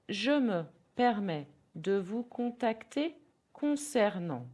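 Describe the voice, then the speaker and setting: A woman teacher with a French accent giving a podcast language lesson. She speaks carefully and repeats phrases slowly for learners to copy. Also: on the low side, darkish tone.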